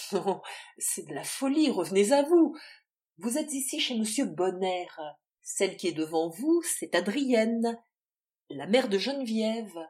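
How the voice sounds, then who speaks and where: A woman's voice: mid-range voice, big pitch swings, extremely slow, pauses often. A woman reading the part of a shocked, frantic noblewoman, exclaiming in an agitated way. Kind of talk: audiobook character reading.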